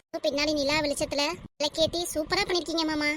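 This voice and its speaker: A woman's voice: high-pitched, fairly even intonation, fast talker, a bit bright, slight background noise. A woman voicing a soothing young village wife. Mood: affectionate. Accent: Tirunelveli Tamil. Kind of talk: cartoon voice acting.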